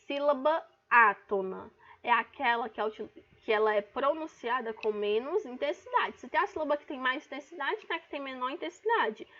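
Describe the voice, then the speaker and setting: A woman's voice: high-pitched, expressive, moderate pace, a bit bright. A woman teacher with a Brazilian Portuguese accent gives an online class, explaining patiently and calling out words to stress their syllables. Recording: dull lo-fi recording.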